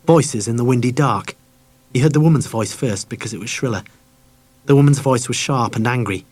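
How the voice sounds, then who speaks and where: A man reading a children's audiobook aloud in a mid-pitched voice. His storytelling is measured, and he lowers his voice at the quietly dramatic moments. The narration is steady and scripted. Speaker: audiobook reader.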